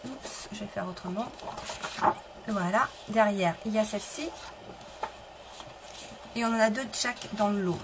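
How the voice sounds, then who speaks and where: A woman's voice: mid-range voice, moderate pace, pauses often, background noise. A middle-aged woman running a live papercraft tutorial, chatting casually, restarting sentences and answering viewers as she shows her materials. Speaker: papercraft demonstrator. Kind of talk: live-stream craft tutorial.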